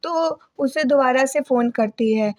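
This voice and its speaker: A woman's voice: high voice, unhurried. A woman narrating a recap of a television serial episode in a plain, running storytelling manner. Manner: plain, running retelling with small restarts.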